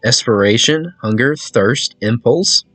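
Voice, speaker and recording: A man voicing a teasing, ancient female eldritch entity in a video game, reading her lines in his own lively voice. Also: mid-range voice, dry recording, soft background music. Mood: solemn. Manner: coy, teasing, unhurried.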